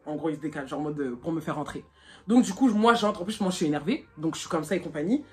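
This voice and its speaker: A young woman telling a story to her viewers, animated and slangy, swearing often and laughing nervously. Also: deep voice, quick pace.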